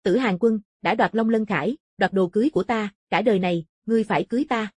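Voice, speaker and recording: A woman voicing a proud young dragon-clan princess in an audiobook, cool and composed in manner, in a slightly husky voice. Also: medium pitch, fast, darkish tone, dry recording, close to an everyday voice. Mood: calm.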